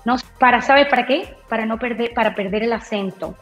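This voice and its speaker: Bold, lively woman in an echoey room. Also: on the high side, a little fast. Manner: bold, lively, acts out quoted dialogue. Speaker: radio announcer, interview guest. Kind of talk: storytelling interview chat. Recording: roomy echo, dull lo-fi sound, faint music.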